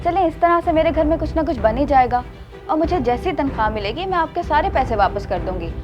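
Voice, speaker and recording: A woman's voice: sits high, lively intonation, a little fast, lo-fi sound. An actress playing a poor young mother who works as a maid, speaking in an earnest, pleading way. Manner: earnest, pleading, then tearful complaints. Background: soft background music.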